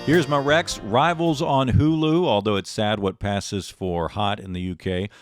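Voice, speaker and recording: A man's voice: fairly low pitch, fairly even intonation, measured pace, soft background music. A man hosting a comedy show, telling stories and running a quiz with wry sarcasm. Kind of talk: comedic monologue and game hosting.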